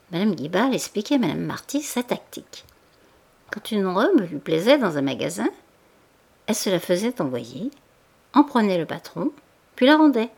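A woman's voice: medium pitch, gravelly, breathy edge. Woman reading a classic novel aloud. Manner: measured, even literary reading. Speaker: audiobook narrator. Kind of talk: scripted narration.

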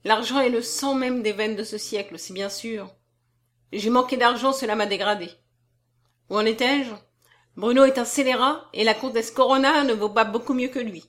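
A woman's voice: a little high, moderate pace, close to an everyday voice. A woman reading an audiobook, voicing a self-assured young man who talks in a half-mocking, half-solemn way. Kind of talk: audiobook character voice.

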